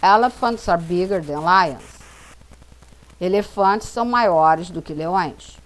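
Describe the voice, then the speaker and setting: A woman's voice: on the low side, slow pace. A woman teaching English grammar to students, explaining each rule step by step, spelling out letters and repeating every example sentence. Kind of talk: slow classroom explanation.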